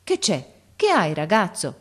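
A woman voicing a kindly Italian shopkeeper who reassures a boy briskly. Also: on the low side, huge pitch swings, a bit bright, slightly rough, full character voice. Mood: reassuring. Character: kindly Italian shopkeeper, middle-aged man.

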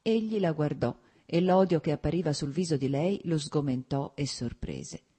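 A woman reading a novel aloud as narrator, in a measured, literary way. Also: low-pitched, expressive, warm tone, husky. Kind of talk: scripted narration.

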